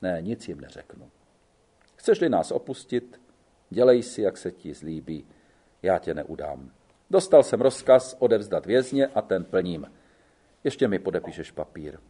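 A man's voice: deep voice, expressive, dark tone, slightly rough, voice pushed down. A man reading the part of an old gendarme in an audiobook, speaking bluntly and in a fatherly way. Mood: grave. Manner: blunt, fatherly, calls the other man boy. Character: gruff old male gendarme, weary, blunt.

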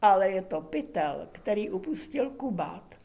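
A woman narrating a humorous folk tale in a lively, expressive reading with dramatic pauses. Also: mid-range voice. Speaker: storyteller.

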